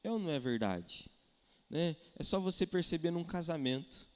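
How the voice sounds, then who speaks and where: Animated high-voiced Brazilian pastor preaching. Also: male voice, normal speed, clear, resonant tone. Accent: Brazilian Portuguese. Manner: animated preaching with rhetorical questions and acted-out quotes. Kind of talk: sermon. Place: church hall. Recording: echoey church hall.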